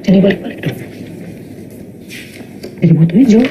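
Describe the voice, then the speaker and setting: A tender, easily flustered father at home, coaxing and pleading with his little girl. His voice sits a little high and swings about lively. A faint hiss lies behind it. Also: moderate pace, lo-fi sound. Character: playful stay-at-home father, loving, flustered.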